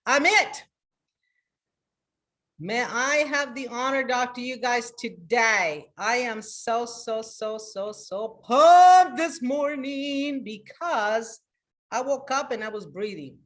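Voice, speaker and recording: Speaking live to her online group, this woman life coach is energetic and emphatic, often restarting, and shifts from loud greetings to soft, confidential moments. Her fairly high, animated voice takes things slowly.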